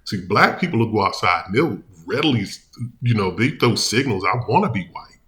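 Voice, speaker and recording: A man's voice: on the low side, lively intonation, a little fast, sharp tone. A man hosting his own video channel, giving casual commentary in a rambling, emphatic way with many restarts. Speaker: vlog host.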